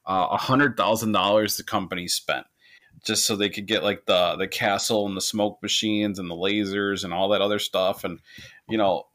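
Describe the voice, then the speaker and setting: A man's voice: on the low side, steady tone, normal speed, fairly bright tone. A man co-hosting a casual podcast, telling a rambling, amused story. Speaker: podcast co-host.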